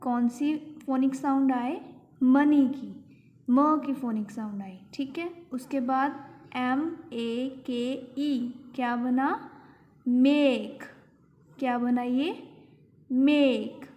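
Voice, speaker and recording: A woman's voice: high-pitched, steady tone, slow, mellow. Woman teacher, spells letter by letter, quizzes class, reverberant room. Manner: spells words letter by letter and asks the class questions. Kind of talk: phonics lesson for children. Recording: long hall reverb.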